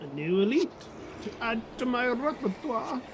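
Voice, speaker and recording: Brief: man, high voice, tired and yawning, self-mocking chat over a game. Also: sing-song, normal speed, background noise. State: sleepy, yawning. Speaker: gaming video creator. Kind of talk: casual gameplay commentary.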